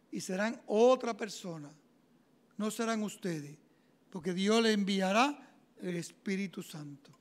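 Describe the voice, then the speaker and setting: A man, preaching a homily as a deacon and telling his own story in an animated way, acting out the dialogue. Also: sits high. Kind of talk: sermon with personal testimony.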